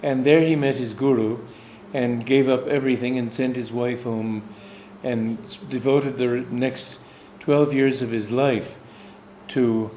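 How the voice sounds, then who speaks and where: Recorded in an echoey room with faint ambience and slight background noise, this American man, a swami and spiritual teacher, recounts something that happened to him in a rambling, storytelling manner. His voice is medium in pitch, steady and warm, and a little slow.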